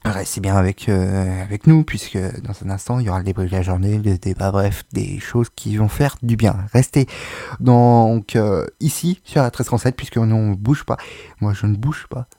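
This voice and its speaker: A man's voice: fairly low pitch, moderate pace, dark tone, no echo, clean studio sound. A young man hosting a casual radio show, reading music news with many fillers and joking asides.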